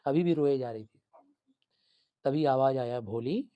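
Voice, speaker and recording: A male teacher retelling and explaining a story for students, animated and repetitive, switching between two languages. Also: mid-range voice, unhurried, clean tone, no echo, muffled recording. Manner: animated storytelling, code-switching, repeating for emphasis.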